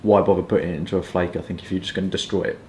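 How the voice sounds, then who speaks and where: A man's voice: deep voice, level tone, rapid-fire, darkish tone. A man in his twenties with a southern English accent, chatting casually and rambling through hedging asides as a review vlogger. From southeast England. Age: 20s. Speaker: pipe and cigar review vlogger. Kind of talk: casual chat. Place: small furnished room at home, indoors. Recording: roomy echo, some background noise.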